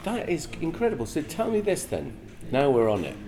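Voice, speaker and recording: A man's voice: fairly high pitch, huge pitch swings, a little fast. A man hosting a casual podcast interview, asking questions and reacting briefly. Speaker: podcast host. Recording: crowd chatter behind. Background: crowd noise.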